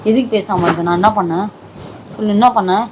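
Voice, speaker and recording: A woman's voice: mid-range voice, fast talker, noisy background. A woman who keeps pleading and scolding in a comedy sketch at home. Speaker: comedy video creator.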